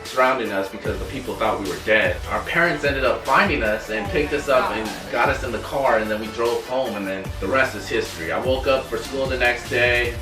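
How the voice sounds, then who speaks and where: A man's voice: medium pitch, fairly quick, few pauses, distant mic. A young man vlogger casually telling stories about his life, with a laid-back manner and many "like" fillers. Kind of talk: casual storytelling. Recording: roomy sound from off the mic, music behind.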